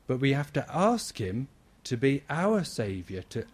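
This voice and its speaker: A man giving a lively children's talk in church, acting out his points with big shouts and questions. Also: mid-range voice, a little slow. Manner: animated, acts out shouting for help.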